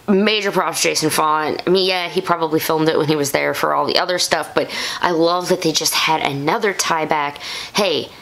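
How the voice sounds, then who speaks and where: A woman hosting her own vlog, reviewing a show episode in a casual, excitable way with gushing bursts of enthusiasm. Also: sits low. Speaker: YouTube show host and reviewer. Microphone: camera-mounted shotgun microphone.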